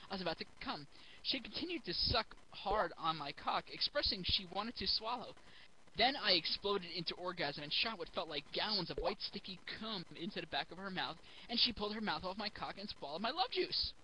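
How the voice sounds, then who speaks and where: A man's voice: high-pitched, animated, fairly quick, pushed and bright, a little hiss or hum, poor audio. A giggly drunk man reading a story aloud for comedy, stumbling over the text and throwing in mocking asides.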